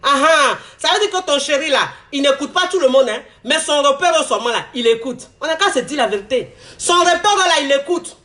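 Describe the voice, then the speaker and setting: A man with an Ivorian French accent, congested from a cold, giving animated, repetitive relationship advice in casual street slang to his viewers. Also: very high-pitched, brisk, hardly any pauses. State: congested with a cold, throat-clearing.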